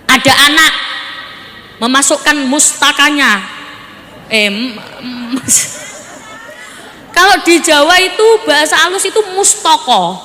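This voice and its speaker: A woman preacher, giving a lively sermon and teasing her audience with playful questions. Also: high voice. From Surabaya, East Java. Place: religious gathering before a live audience. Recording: reverberant hall with crowd.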